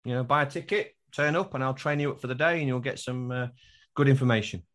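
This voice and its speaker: A man's voice: medium pitch, fast talker, fairly bright tone. A man talking as an interview guest, emphatic, repeating phrases and slipping into acted-out dialogue to make his point. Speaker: podcast guest, workshop trainer. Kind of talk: animated conversational interview talk.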